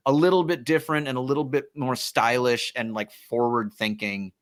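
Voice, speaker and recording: A man's voice: mid-range voice, steady tone, fairly quick. A man co-hosting a casual film podcast, talking loosely and filling his thoughts with "like" and "um". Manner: rambling, many likes and ums. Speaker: podcast co-host.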